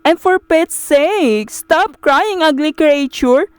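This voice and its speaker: A woman's voice: sits high, lively intonation, slow pace, dry recording. A woman voicing a snobbish, rude rich young woman who talks down to others. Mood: sneering. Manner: haughty, sneering, drawn out.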